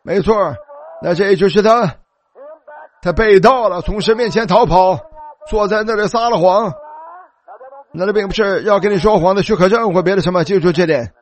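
A man's voice: high-pitched, moderate pace, long pauses. A man preaching a sermon, telling the story animatedly and calling out hallelujah.

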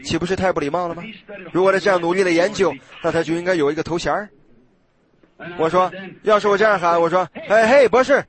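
A man preaching a sermon in a conversational way, acting out little dialogues and sometimes restarting with drawn-out fillers. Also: high-pitched.

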